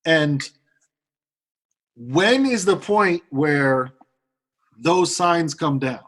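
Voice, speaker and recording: A man's voice: fairly high pitch, expressive, a bit bright. Rambling podcast cohost, man. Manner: rambling, drawn-out musing. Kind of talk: casual chat.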